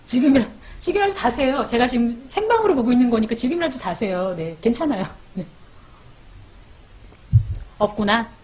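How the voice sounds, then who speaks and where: A woman's voice: fairly high pitch, animated, moderate pace, long pauses, a little mellow, slightly rough. A woman hosting a live parenting stream, chatting casually as she reads viewer comments, calls out their names and gives baby sleep tips.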